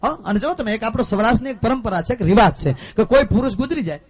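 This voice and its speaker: A man with a Saurashtra Gujarati accent telling folk jokes and preaching at a live stage program, rustic and swinging between loud exclamations and soft asides. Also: sits high, lively intonation, quick pace, slightly rough. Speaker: folk storyteller and comedian.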